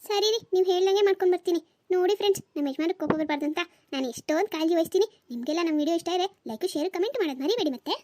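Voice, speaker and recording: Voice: very high voice, very fast, few pauses, darkish tone. A performer voicing an eager, chatty middle-aged cartoon wife who fusses over her husband. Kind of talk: cartoon comedy voice acting.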